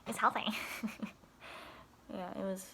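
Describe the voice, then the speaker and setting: A woman's voice: mid-range voice, steady tone, takes it slowly, creaky, sharp tone, a little hiss or hum. A young woman telling a casual video diary about her day at after-school care, chatty and giggly, with many restarts and laughs.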